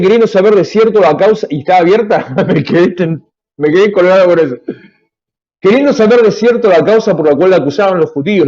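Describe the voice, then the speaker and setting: A middle-aged pastor preaches a live devotional, his high voice leaping up and down with emphatic, animated delivery. The sound is dull and lo-fi, like a home livestream.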